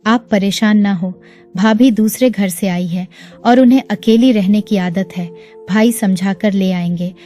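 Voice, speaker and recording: A woman storyteller voicing a dutiful young man who speaks gently and patiently to his family. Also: medium pitch, measured pace, close to an everyday voice. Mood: gentle. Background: faint music.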